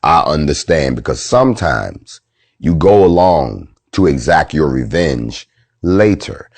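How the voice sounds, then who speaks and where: Low-voiced dude ranting and preaching on his show, swears a lot, voice swings all over, dry close sound. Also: measured pace, gravelly, breathy edge, no echo. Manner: animated, preachy, swears freely. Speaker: host. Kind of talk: profane storytelling monologue.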